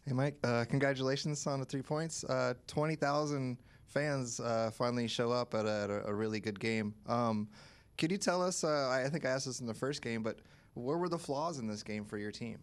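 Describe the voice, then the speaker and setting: Smooth-voiced friendly male reporter. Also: medium pitch, normal speed. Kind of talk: press conference question.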